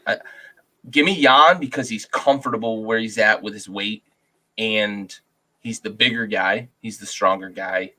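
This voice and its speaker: A man's voice: on the low side, bright, forceful tone, rough recording. A man co-hosting a casual sports podcast over a video call, rambling through his fight pick with lots of swearing and restarts. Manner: rambling, profane, restarts often. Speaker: podcast co-host, fight picker.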